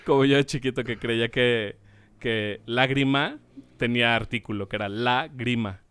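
A man's voice: medium pitch, normal speed, fairly bright tone, clear, resonant tone, no echo. A man as podcast co-host, laughing often and teasing in short replies. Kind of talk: casual comedic chat.

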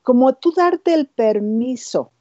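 A woman's voice: high voice, expressive, takes it slowly, mellow, dry recording, dull audio. A woman hosting an interview, talking with enthusiasm and often adding tag questions. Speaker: host. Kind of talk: casual interview chat.

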